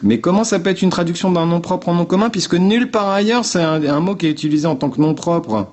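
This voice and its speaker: Blunt, informal man with a mellow voice. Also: sits high, fast. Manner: blunt, informal, swears, addresses viewers directly. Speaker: livestream host. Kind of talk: casual explanatory livestream talk. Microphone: phone.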